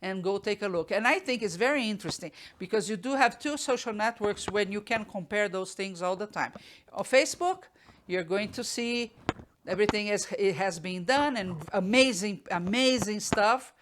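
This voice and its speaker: A woman's voice: medium pitch, expressive, moderate pace, slight background noise. A woman hosting a live online art business course, talking through ideas with frequent restarts and fillers, recorded at home on a desk mic.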